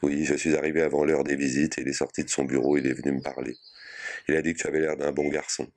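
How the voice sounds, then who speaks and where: Brief: male reader voicing an aging mother, tearful, pleading, very deep-voiced reading. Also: little pitch movement, quick pace, a little mellow. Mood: hopeful. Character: grieving aging mother visiting her son in prison.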